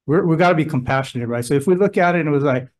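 Speaking rapid-fire in a slightly high, somewhat mellow voice, a man serving as a state emergency official walks a legislative hearing through plans. He stays plain-spoken and conversational, uses examples, and is in a hearing room.

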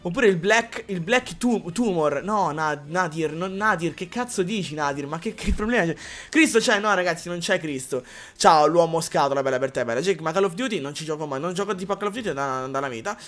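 A man from Calabria, a live streamer reading chat in a rambling, excitable way with crude jokes. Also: on the high side, fairly quick. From Calabria, Italy.

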